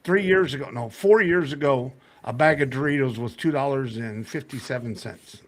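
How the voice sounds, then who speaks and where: An American man hosting a podcast, telling stories and teasing his co-hosts in an animated, casual way. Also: medium pitch, moderate pace. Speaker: podcast host. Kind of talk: casual chat.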